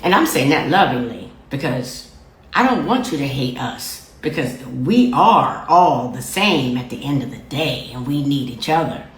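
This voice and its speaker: A woman's voice: very deep voice, expressive, measured pace, roomy sound. A woman hosting her own show, lecturing her viewers directly in an affectionate but firm way and repeating phrases for emphasis. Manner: affectionate yet lecturing, calls listeners babies and fam. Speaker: host. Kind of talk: direct-to-camera commentary.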